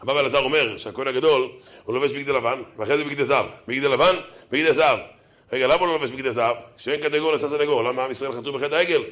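A man giving a lively sermon, telling stories and acting out the voices of the people in them, chuckling often. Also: medium pitch. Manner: animated, acts out quoted voices, chuckles often. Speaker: rabbi preacher.

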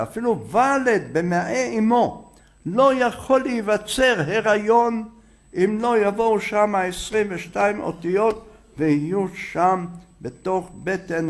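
High-voiced man giving an animated religious lesson. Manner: animated, demonstrates sounds, repeats words for emphasis. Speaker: rabbi teaching a Torah lesson.

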